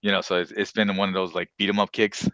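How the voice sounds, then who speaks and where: A man's voice: low-pitched, level tone, fast talker, fairly bright tone, dry recording. A man hosting a casual podcast, talking in a loose, rambling way with plenty of asides. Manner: rambling, swearing, many "you know" asides. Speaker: podcast host. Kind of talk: casual chat about games and shows.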